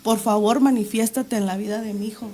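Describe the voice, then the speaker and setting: A woman's voice: medium pitch, fairly even intonation, fairly quick, mellow. A middle-aged woman sharing a religious testimony as an interview guest, fervently reenacting her prayers aloud.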